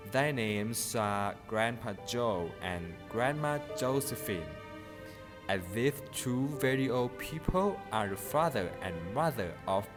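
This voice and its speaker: A Thai-accented man narrating a student play, mid-pitched and slow, with frequent hesitant uh fillers. Music plays clearly behind him. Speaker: narrator and presenter.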